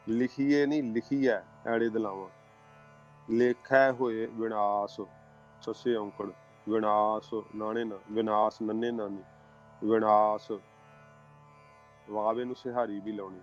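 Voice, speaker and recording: A man teaches the proper recitation of scripture, speaking slowly and deliberately. His voice stays even and unhurried as he spells out each sound. The recording is a little muffled, with faint instrumental music underneath. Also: medium pitch. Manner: slow, careful, spells out syllables and pauses. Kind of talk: religious pronunciation lesson.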